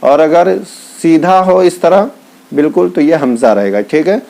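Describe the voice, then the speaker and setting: Slow, patient male Quran reading teacher. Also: a little high, mellow. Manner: calls out letters slowly, then explains patiently. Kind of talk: slow step-by-step lesson.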